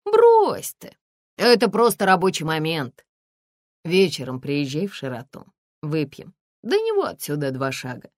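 A woman's voice: sits low, very animated, moderate pace, no room sound, studio quality. Woman voicing a curt, reserved husband.

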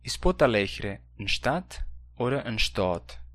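With a Brazilian Hunsrik German accent, a male language course reader voices the student in a textbook dialogue, plainly and questioningly. His medium pitch is very animated yet unhurried and a bit bright, and the recording is dry.

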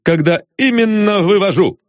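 A man's voice: high-pitched, normal speed, no echo, studio quality, voice pushed up, lightly acted. A man reading aloud, voicing a stern, brash male con man who speaks in curt commands.

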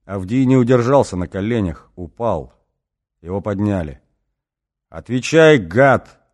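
A man narrating a literary audiobook in a measured, serious way. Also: fairly low pitch, expressive, dark tone. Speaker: audiobook reader.

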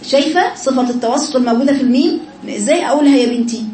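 A woman's voice: high voice, very fast, a little mellow. A woman with an Egyptian Arabic accent teaching a Quran recitation class, often repeating sounds to demonstrate them. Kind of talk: classroom lesson on pronunciation. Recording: echoey, noisy room.

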